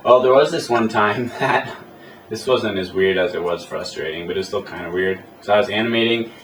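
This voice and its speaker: A man with a fairly low voice chats casually about his work as an animator, drifting from one self-amused story to the next. He sounds a little distant from the mic in a reverberant room. A faint hiss sits under the recording. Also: fairly quick, a bit bright. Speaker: animator interviewee. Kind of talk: casual interview chat.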